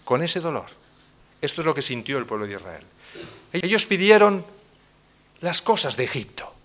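A man with a Spain Spanish accent preaching a sermon as pastor, dramatic and swinging between hushed lines and loud outbursts. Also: fairly high pitch, sing-song, moderate pace.

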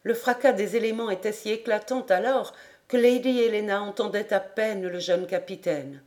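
A woman reading a classic adventure novel aloud, steady and expressive as she carries a storm scene. Her voice sits at an ordinary middle pitch, recorded close on a home microphone. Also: moderate pace. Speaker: audiobook narrator.

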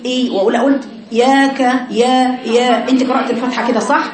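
A woman with an Egyptian accent teaching a tajweed lesson to female students, demonstrating sounds by repeating drawn-out syllables. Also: a little high, steady tone, a little mellow. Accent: Egyptian Arabic. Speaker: Quran recitation teacher. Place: classroom with women students. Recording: echoey room with crowd noise.

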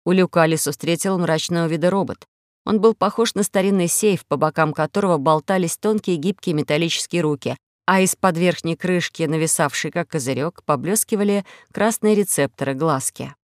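A woman narrating an audiobook in an even, measured storytelling manner. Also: fairly low pitch, dry recording, clean studio sound. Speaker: audiobook reader. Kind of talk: scripted narration.

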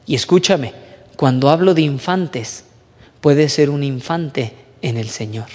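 A man preaching to a youth group, lively and conversational, mimicking whiny young voices and dropping low for emphasis. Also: slow, big-room sound. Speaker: youth pastor. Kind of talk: sermon.

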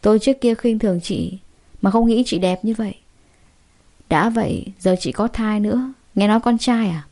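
A woman's voice: medium pitch, moderate pace, mellow, close to an everyday voice. A woman reading the part of a drunk, violent brother-in-law who snarls spiteful threats in a storybook drama. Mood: mocking.

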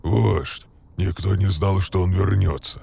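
A man's voice: low voice, fairly even intonation, measured pace, creaky, mellow, slightly rough, full character voice. A man voicing a resentful young orc son who talks sullenly through clenched teeth.

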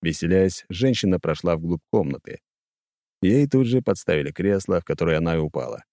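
A man narrating an audiobook in a measured storytelling voice. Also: deep voice, animated, mellow, no echo, clean studio sound.

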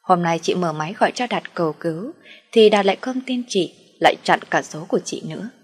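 A woman narrating a first-person family story in a steady, plain reading voice. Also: lowish voice, fairly quick, breathy edge, faint music behind.

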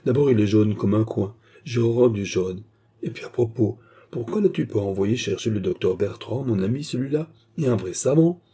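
A proud, cunning young courtesan, her voice raised a little above a dark, husky base, as a man reads her. She comes across as emotional, scheming and mocking in a storybook reading. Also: lowish voice, normal speed. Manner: emotional, turning caressing and mocking.

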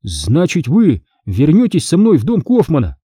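A man's voice: a little high, huge pitch swings, moderate pace, dark tone, breathy edge, no room sound, studio quality, voice pushed up, full character voice. A man voicing an anxious boy of about twelve in an audiobook, speaking with urgent pleading in his voice. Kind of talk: audiobook character reading.

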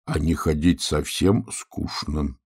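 A slow, ponderous bear cub , as a man puts him on, deep and gravelly, drawing out each thought. His voice is husky and rough. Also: steady tone, darkish tone, exaggerated voice.

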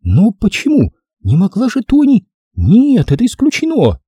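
A man voicing a sharp-tongued young woman who teases and mocks with sarcasm. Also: sits high, big pitch swings, a little fast, slightly rough, no echo, voice pushed up, exaggerated voice. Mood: worried. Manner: teasing, sarcastic.

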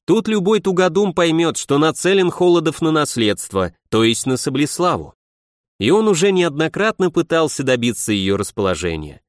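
A man narrating an audiobook in an expressive storytelling manner. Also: a little high, no room sound, studio quality.

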